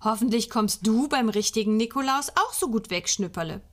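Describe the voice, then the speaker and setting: A woman reading a storybook aloud, voicing a patient, playful mother who squeaks when playing along and is otherwise calm and dry. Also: a little fast.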